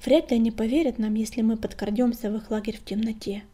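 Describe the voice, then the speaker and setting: A woman's voice: on the high side, steady tone, quick pace, warm tone, natural voice. Woman whispering as a thoughtful young ginger tom cat. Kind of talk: whispered role-play.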